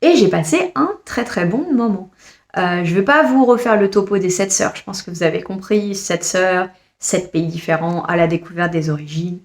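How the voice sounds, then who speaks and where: A woman giving a casual, expressive review of her monthly reads, exasperated at times and speaking straight to the author. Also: on the low side, moderate pace. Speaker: book reviewer.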